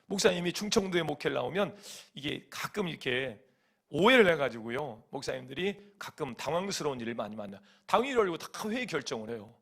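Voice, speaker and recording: In a church sanctuary, a male pastor from Korea's Chungcheong region preaches a sermon with animated storytelling, mimicking voices and humming lines of folk songs. His voice is gravelly, fairly high, and a little fast.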